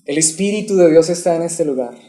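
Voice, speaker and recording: A man preaches a Bible sermon, asking his listeners questions and waiting for them to answer. His voice sits somewhat high but stays warm and mellow rather than bright. He sounds like a pastor teaching his church. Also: a little fast. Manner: asks the congregation questions and waits for replies. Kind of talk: expository sermon.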